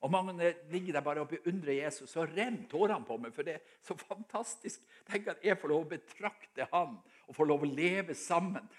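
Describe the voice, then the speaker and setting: An older man from Norway's Helgeland coast with a Northern Norwegian accent, preaching a heartfelt sermon and telling stories with frequent restarts. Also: a little high.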